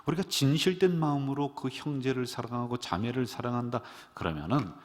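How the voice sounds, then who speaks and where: A middle-aged man preaching as a pastor, animated, leading his congregation in call-and-response. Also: medium pitch, brisk. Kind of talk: sermon. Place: church sanctuary. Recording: long church-hall reverb.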